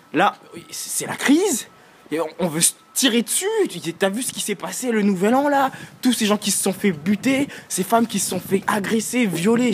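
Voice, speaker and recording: A man's voice: sits high, a little hiss or hum. A young man ranting casually and provocatively, rambling with lots of fillers and slang, recorded in a vehicle. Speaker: vlogger. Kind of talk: casual rant vlog.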